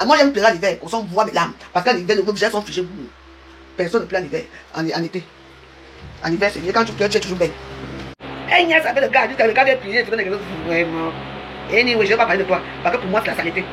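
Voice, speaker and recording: A woman's voice: mid-range voice, a bit bright. A woman, rambling and teasing in a casual live-stream rant. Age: 50s. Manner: chatty, rambling, teasing, addresses viewers directly. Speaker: social media live streamer. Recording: noisy live-stream audio.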